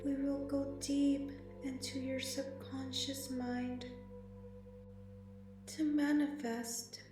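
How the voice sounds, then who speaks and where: A woman speaking slowly and softly with long pauses, guiding a meditation. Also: high voice, little pitch movement. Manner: slow, soft and soothing, with long pauses. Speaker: meditation guide. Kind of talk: guided meditation narration. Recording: very echoey, slightly distant, music behind. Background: meditation music and singing bowl.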